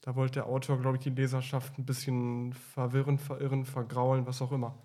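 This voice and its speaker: Male co-host, flat delivery, mid pitch, wry casual talk, echoey location. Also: brisk. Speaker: podcast co-host. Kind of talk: casual discussion. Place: echoey space outside a studio.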